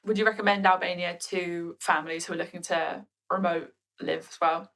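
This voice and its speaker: A woman hosts an interview podcast in a somewhat low voice with a gravelly texture. She chats in a friendly way and readily agrees with her guest. She is speaking over a video call. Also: fairly even intonation, fairly quick, fairly bright tone, a little hiss or hum. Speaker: podcast host. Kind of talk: casual interview chat.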